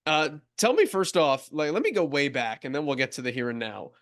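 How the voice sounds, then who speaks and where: A man's voice: a little high, big pitch swings, brisk, a bit bright. A man hosting a sports podcast, asking questions in a conversational way with some fillers. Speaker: podcast host. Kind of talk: interview questions.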